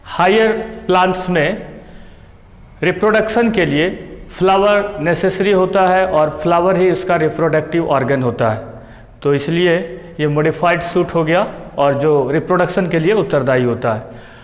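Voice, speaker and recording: A man teaching a biology lesson, explaining a diagram step by step and repeating each term. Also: a little high. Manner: explains slowly, repeats terms, mixes English terms into Hindi. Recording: long hall reverb.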